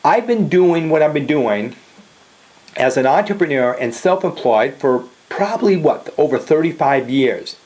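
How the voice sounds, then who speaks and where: A man's voice: on the high side, animated, measured pace, a little mellow. An older man giving a motivational talk, emphatic and repetitive, often checking in with "okay?". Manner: emphatic, repeats "okay?" and "guess what". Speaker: motivational speaker.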